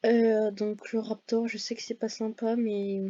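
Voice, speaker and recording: A woman's voice: a little high, flat delivery, measured pace, mellow, muffled recording. A woman giving casual, hesitant commentary over her gameplay, full of fillers and self-corrections. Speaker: gaming video creator.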